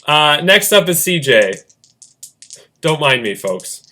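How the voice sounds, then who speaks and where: A man's voice: fairly high pitch, sing-song, slow pace, background noise. A man hosting a fan-made game, calling rolls and moves in casual play-by-play narration with jokey asides. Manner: chatty, jokey asides, laughs often. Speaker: host running a fan game.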